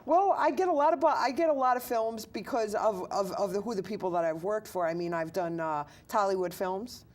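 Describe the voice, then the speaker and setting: A woman's voice: mid-range voice, a little fast, hardly any pauses, a little mellow, recorded from a distance. A woman working as a casting director, talking in a chatty interview, often laughing and repeating words. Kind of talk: casual interview.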